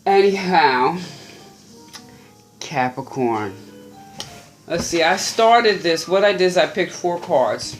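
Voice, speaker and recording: A tarot reader speaks slowly and gently, giving a birthday reading straight to viewers. The delivery muses aloud with small restarts, and soft music plays faintly underneath. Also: medium pitch, animated.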